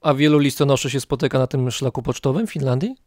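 A man's voice: mid-range voice, quick pace, a little mellow, no room sound, clean studio sound. A man hosting a podcast, asking long, elaborate and curious questions. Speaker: podcast host. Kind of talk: interview questions.

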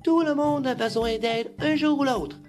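A man's voice: very high voice, normal speed, over music, pitched above the performer's own voice. A man voicing a tiny frightened female mouse in a storybook, stammering and pleading. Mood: earnest.

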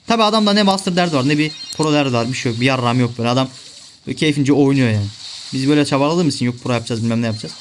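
A man's voice: mid-range voice, racing, a little hiss or hum. A young man giving live gameplay commentary, ranting and swearing at his teammates in frustration. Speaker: gaming video creator.

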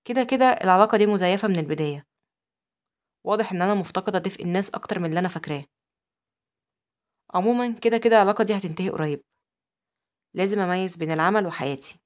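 A woman with an Egyptian accent voicing a sharp-tongued young noblewoman in a recap story. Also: medium pitch, rapid-fire, pauses often, lightly acted. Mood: curt. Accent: Egyptian Arabic.

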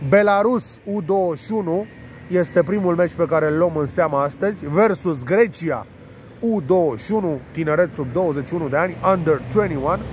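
A high-voiced man, nasal and congested with a cold, rambles through his betting picks with crude jokes, swearing and playful made-up words. He is recorded outdoors, with faint city traffic noise behind him. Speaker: sports betting tipster. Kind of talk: casual monologue presenting betting tips.

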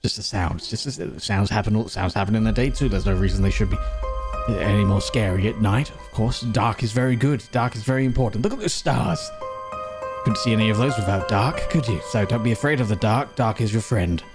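A man giving playful game commentary, talking to himself and breaking into silly high yelps. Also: fairly quick. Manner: joking, talks to himself, sudden high yelps. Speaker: gaming streamer. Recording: game music behind the voice.

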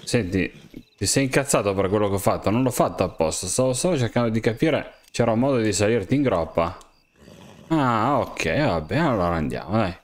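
A young man playing a game, joking and excitedly talking to the characters around him. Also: low voice. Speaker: gamer. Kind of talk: game commentary, role-playing as himself.

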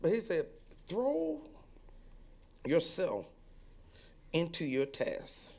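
A male pastor delivers a sermon with a high, swooping voice, joking with the congregation and acting out onlookers' remarks. When he reads scripture and exhorts, he drops to a quieter, lower tone. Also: huge pitch swings, extremely slow, vocal fry.

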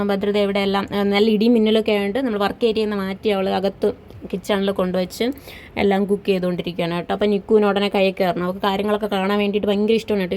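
A woman's voice: mid-range voice, darkish tone. Chatty mother vlogging at home. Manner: chatty, tags sentences with "kettō". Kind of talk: casual home vlog narration.

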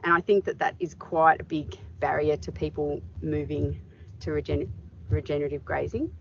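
A woman's voice: sits low, normal speed. A middle-aged woman farmer answering interview questions outdoors in a paddock, thoughtful and full of fillers. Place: open farm paddock outdoors. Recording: dull audio with clear background noise.

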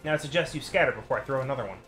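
Man voicing a gruff fierce old grandmother. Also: medium pitch, steady tone, normal speed, fairly bright tone, faint music behind, close to an everyday voice. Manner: harsh, rough, rustic.

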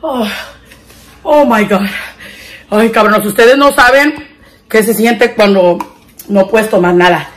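Slow, tearful young woman vlogger. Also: on the high side. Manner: switches between Spanish and English; distressed, groaning and exclaiming. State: teary from spicy food. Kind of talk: casual vlog chat.

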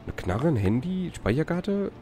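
A man's voice: a little high, sing-song, moderate pace, warm tone, a little hiss or hum. A man giving casual, colloquial let's play commentary, muttering reactions and reading game text aloud.

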